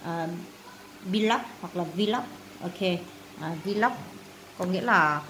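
A woman's voice: lowish voice, slow pace, fairly bright tone, slight background noise, poor audio. A woman teaching a vocabulary lesson to students, repeating each word and translating it with many filler sounds. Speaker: English teacher.

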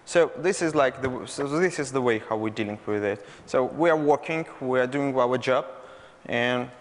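A man presenting at a conference, answering audience questions in a halting way full of fillers. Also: medium pitch. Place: large conference hall. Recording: hall reverb, conference room.

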